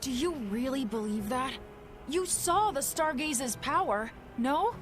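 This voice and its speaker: A man's voice: very high-pitched, unhurried, over music. An actor playing a courteous, mysterious young male magician in a game dub. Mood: earnest. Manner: courteous, calm and formal. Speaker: game character.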